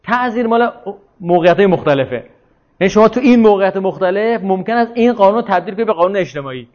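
A man's voice: high voice, lively intonation, darkish tone, muffled recording. A man leading an informal religious lecture and discussion, talking in a discursive way, repeating his points and asking rhetorical questions.

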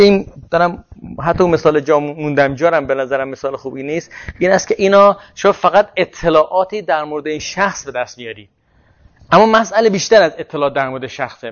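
High-voiced man lecturing in a seminar. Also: lo-fi sound. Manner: explanatory, answers questions. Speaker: teacher.

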